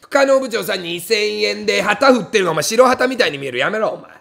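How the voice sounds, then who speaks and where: Male comedian streamer, high gravelly voice, reads chat and fires back angry comic rants. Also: animated, fast. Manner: snaps back at each comment with angry comic retorts; bursts into loud high laughs.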